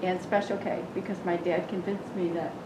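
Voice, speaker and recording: A middle-aged woman who works in a research office, introducing herself at a workshop in a measured, drawn-out way. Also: on the low side, level tone. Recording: echoey room with background noise.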